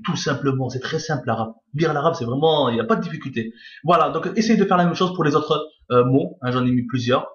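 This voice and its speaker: A man teaching a beginners' Arabic reading lesson online, patient, repeating each point and checking in with his listeners. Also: on the high side. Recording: roomy, dull lo-fi sound.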